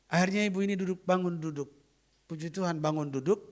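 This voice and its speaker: A man preaching a sermon as pastor, telling a healing testimony with emphatic, repeated key phrases. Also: high-pitched. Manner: acts out quoted voices in lively retelling.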